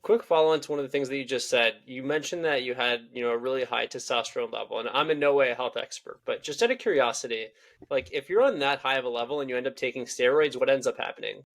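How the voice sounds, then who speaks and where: Host, man, mid-pitch, rapid casual questions. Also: creaky, fairly bright tone. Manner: quick, affirming interviewer. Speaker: podcast host. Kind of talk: casual interview talk.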